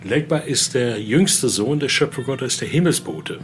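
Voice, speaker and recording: Music plays in the background as a man with a medium-pitched, animated voice speaks unhurriedly. He leads an informal guided tour through an indoor exhibition room as a museum guide and voodoo expert, explaining and often adding tag questions, with faint on-site background noise.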